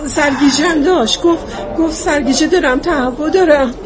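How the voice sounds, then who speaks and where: A woman's voice: high-pitched, over music, natural voice. A woman playing a distraught mother who wails and pleads over her sick son. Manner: distraught, wailing. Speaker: frantic mother.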